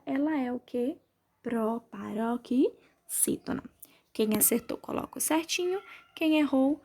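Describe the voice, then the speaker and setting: A woman teacher from Brazil with a high, husky voice, walking her pupils through the answers of an exercise. She speaks patiently and drags out each word she spells, and her tone is soft and mellow. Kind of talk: remote class lesson, correcting exercises.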